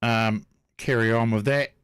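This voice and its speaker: A man's voice: mid-range voice, fairly even intonation, unhurried, a bit bright, smooth, no room sound, studio quality. A man with a New Zealand accent hosting a live stream in a casual, blunt, informal way. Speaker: host.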